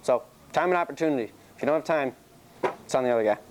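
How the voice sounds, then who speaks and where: A man's voice: medium pitch, animated, quick pace, noisy background. A young man giving a casual classroom chalk-talk on sailing rules, telling stories from his own races and laughing easily. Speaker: sailing team presenter.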